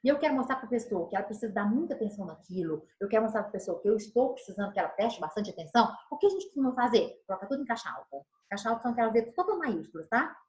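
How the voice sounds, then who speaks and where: Lively woman teaching on video. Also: fairly high pitch, racing, hardly any pauses, reverberant, low-quality recording. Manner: animated, gestures while explaining; acts out tones of voice as examples. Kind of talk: recorded video lesson. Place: room, recording alone.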